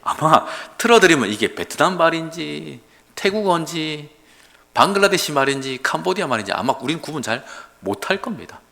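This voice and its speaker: A man's voice: on the high side, sing-song, moderate pace, creaky, bright, forceful tone. A male pastor preaching an early-morning sermon in a church, acting out dialogues in a raised, dramatic voice. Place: church sanctuary. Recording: long hall reverb.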